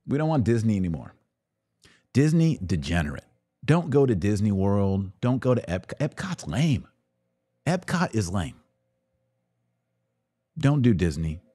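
Deep and warm, this middle-aged American man's voice swings widely in pitch as he hosts a livestream, answering audience questions and reading their comments in a casual monologue. He's emphatic and opinionated, leaning on short, repeated phrases at a measured pace with long pauses. The sound is dry and close, with no echo and very little room around it.

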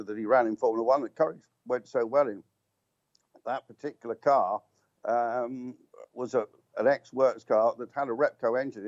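An older man, appearing as a guest motorsport commentator, reminisces at length on the radio in a rambling, anecdotal way full of restarts and ums. His mid-range voice is a little mellow, and the lo-fi recording has no echo.

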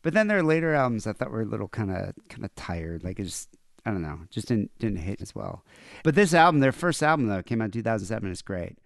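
Male podcast host, smooth clear voice, dry close mic, easygoing and rambling. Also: on the low side, big pitch swings, fast, no echo. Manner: laid-back, rambling with fillers. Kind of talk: casual podcast chat.

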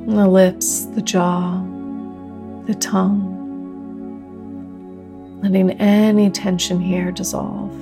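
A woman leading a guided meditation like a sleep story narrator, speaking gently and slowly with long pauses. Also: medium pitch, little pitch movement. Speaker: meditation teacher leading a group practice. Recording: new-age music under the voice. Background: soft new-age music.

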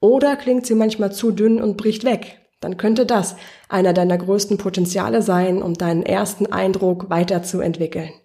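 A female voice coach talks one-to-one with her listener in a podcast lesson. She explains her points patiently and keeps asking guiding questions. Her pitch sits in the middle range for a woman. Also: steady tone, normal speed, mellow. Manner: encouraging, addresses the listener directly.

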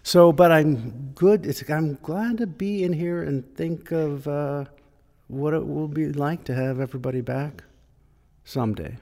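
A man chatting casually and a little haltingly as a church podcast host, recorded with cathedral echo in an empty sanctuary. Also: a little high, a little mellow. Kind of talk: casual chat.

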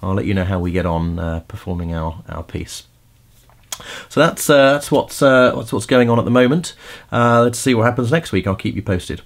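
A gravelly, lowish voice belongs to a middle-aged man who hosts a podcast and coaches singers, giving casual vocal tips at a moderate pace. He's chatty, with many fillers and restarts.

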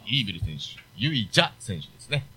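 Brisk man emceeing a live show. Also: fairly low pitch, big pitch swings, pushed and bright, breathy edge. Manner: brisk emcee, moves things along. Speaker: podcast host. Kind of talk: live podcast recording chat. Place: live event venue.

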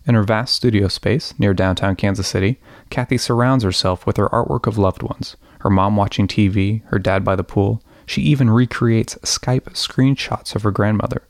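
Gravelly-voiced man, podcast co-host. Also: lowish voice, steady tone, normal speed, hardly any pauses, no echo, clean studio sound. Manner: casual, wry asides. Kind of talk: scripted podcast narration.

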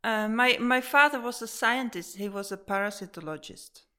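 A woman's voice: on the high side, moderate pace, pushed and bright. A woman painter from the Czech Republic, a native Czech speaker, talking in English in a casual interview in her studio, hesitant, with frequent restarts and small laughs.

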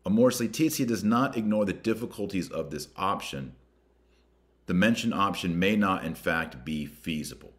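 Reading aloud and adding commentary, an American podcast host leans hard on key words and names in an emphatic, deliberate way. His voice is low and animated.

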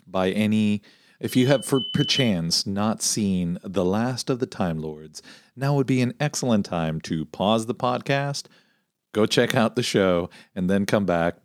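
A man's voice: fairly low pitch, dry recording, studio quality. A man hosting a casual podcast discussion, earnest and hesitant, often restarting his sentences. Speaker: podcast host.

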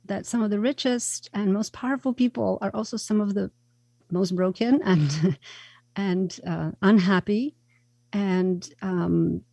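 Gravelly-voiced woman from Croatia. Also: mid-range voice, dark tone, dry recording. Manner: earnest, reflective, many fillers and restarts. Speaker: guest. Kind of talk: interview.

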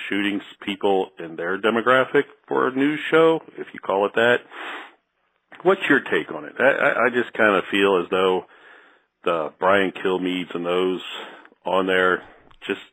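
A deep-voiced man leaves a voicemail for a show, halting and repeating words as he searches for his phrasing. He is from the Midwest, and the message has a lo-fi, radio-like sound. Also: a bit bright. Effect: leaving a voicemail. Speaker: caller.

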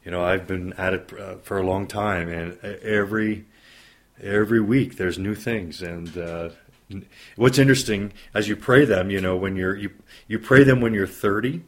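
A pastor in his fifties talks in an earnest, reflective way during an interview, stacking up lists to make his points. His voice sits very low and has a husky, breathy edge. He keeps a thoughtful, steady delivery throughout. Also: normal speed. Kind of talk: interview conversation.

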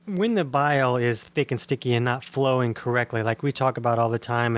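A man hosting a health talk, explaining digestion in a casual, patient way with frequent pauses and fillers. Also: mid-range voice.

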